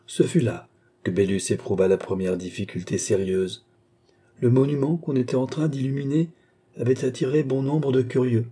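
A man narrating a classic novel as an audiobook with a steady, expressive reading. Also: medium pitch, breathy edge.

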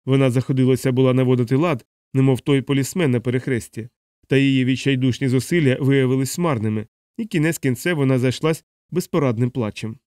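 A man reading a novel aloud in steady, even scripted audiobook narration. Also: mid-range voice, fast talker, smooth, no room sound, clean studio sound.

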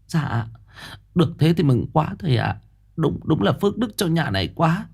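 A woman's voice: deep voice, big pitch swings, moderate pace, vocal fry, a little mellow, slightly rough, pitched above the performer's own voice, full character voice. A man voicing an anxious, fawning middle-aged mother who pleads deferentially.

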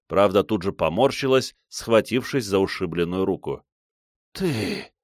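A man giving expressive first-person audiobook narration. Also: low voice, moderate pace, no echo, clean studio sound.

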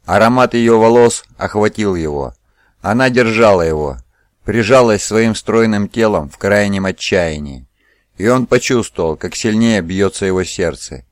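Male narrator, audiobook, low voice, steady measured reading, dry close recording. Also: no room sound.

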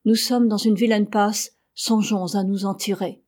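A woman voicing a loyal, gruff old male sailor in an audiobook, reading in an earnest, grave way. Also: mid-range voice, fairly even intonation, unhurried, a little mellow, close to an everyday voice.

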